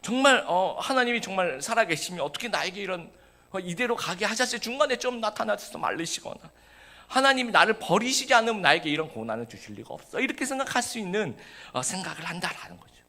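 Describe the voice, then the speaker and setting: Man preaching a lively conversational sermon. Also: high voice, fast talker. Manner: conversational preaching with frequent fillers and acted quotes. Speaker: pastor. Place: church service.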